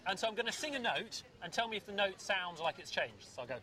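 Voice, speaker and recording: A man talking with a squeaky voice after inhaling helium, slowly and playfully explaining a science demonstration. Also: sing-song, noisy background.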